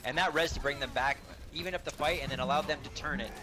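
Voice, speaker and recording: Male color commentator, quick analytical delivery, voice going hoarse. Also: fairly high pitch. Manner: explanatory, measured analysis with hesitant fillers. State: losing his voice. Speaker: esports analyst.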